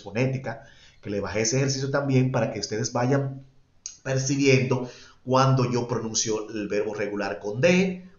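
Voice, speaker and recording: Guy teaching english, repeats every word twice, roomy dull recording. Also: mid-range voice. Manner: repetitive and emphatic, switching between two languages. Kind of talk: online class explanation. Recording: echoey, dull-sounding room.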